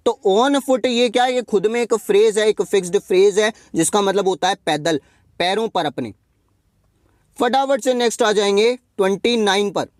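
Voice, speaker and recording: A man teaching an English grammar lesson for exam preparation, asking questions and answering them himself, repeating key points and reading example sentences slowly. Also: sits high, no room sound, clean studio sound.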